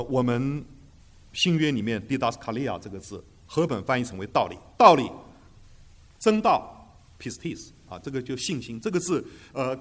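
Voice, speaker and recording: Man, Bible teaching lecture, emphatic, rhetorical, frequent fillers, mid-pitched voice. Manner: drops English terms into speech.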